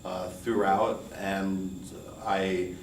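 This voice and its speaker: A middle-aged college instructor from the United States, tied to New York City and Hawaii, gives students an informal welcome lecture for a course. His low voice is level, measured and earnest. He sounds distant from the mic in a roomy, echoing space with faint noise.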